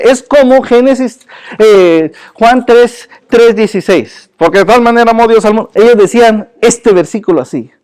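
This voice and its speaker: A man teaching a church Bible class in a lively, joking way, often asking his listeners questions and calling them brother. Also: very high voice.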